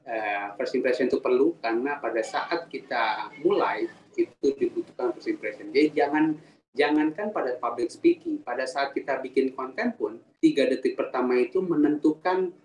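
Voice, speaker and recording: A man giving a casual, animated public speaking talk in a live webinar, asking the audience questions and reading their chat comments aloud. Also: medium pitch, moderate pace, lo-fi sound. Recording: roomy sound, mic at a distance, faint ambience.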